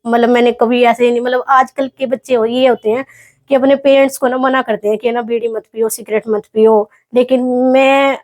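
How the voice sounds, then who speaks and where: A young woman from Haryana, telling a personal story in an interview in a soft, reflective, halting way. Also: on the high side, little pitch movement. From Haryana, India. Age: young adult. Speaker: athlete guest.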